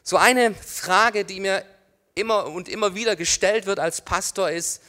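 A middle-aged male pastor preaching a sermon, swinging from loud calls to hushed near-whispers and asking listeners questions directly. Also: sits high, measured pace.

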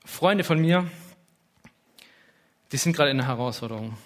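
A man's voice: mid-range voice, expressive, moderate pace. A man in his thirties preaching a sermon in an informal, heartfelt way, peppering his talk with interjections. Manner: informal, emotional, with lots of "hey" and "ja".

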